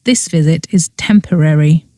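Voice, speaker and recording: A woman's voice: mid-range voice, moderate pace, dark tone, dry recording, studio quality, lightly acted. A woman voicing a grumpy, reluctant young witch in a cozy mystery audiobook, wry and grudging.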